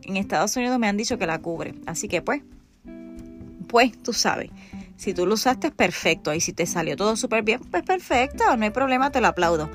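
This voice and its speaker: A woman's voice: fairly high pitch, fairly bright tone. A woman in her thirties with a Puerto Rican accent, hosting a podcast in a candid, chatty way that speaks straight to the listener. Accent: Puerto Rican Spanish. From Puerto Rico. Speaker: podcast host. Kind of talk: casual podcast chat.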